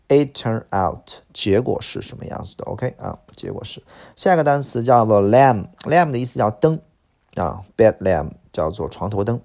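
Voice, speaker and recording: A man with a low, gravelly voice runs through English vocabulary, explaining it in Mandarin as his own language. He repeats each word, mixes in casual little stories, and keeps the lesson moving. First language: Mandarin Chinese. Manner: lively, repeats words, chatty asides. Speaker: English teacher.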